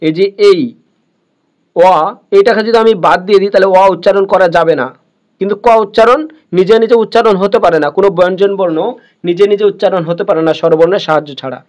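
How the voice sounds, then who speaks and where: A man teaching a beginners' reading lesson, sounding words out slowly and repeating each one many times. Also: high voice, darkish tone. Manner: slow, repeats words over and over.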